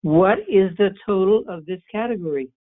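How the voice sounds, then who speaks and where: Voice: medium pitch, normal speed, slight background noise. A commission member calling into a public meeting, asking short, clipped questions while the voice keeps cutting in and out. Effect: voice cutting in and out over the phone. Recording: tinny phone line, breaking up.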